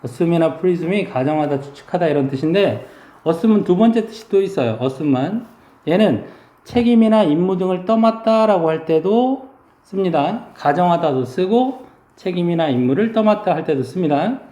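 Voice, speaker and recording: Guy teaching english vocab, mellow kinda high voice, echoey room, drags out the english words. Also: lively intonation. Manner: explains slowly, stretching out English words for pronunciation. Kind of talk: vocabulary lesson.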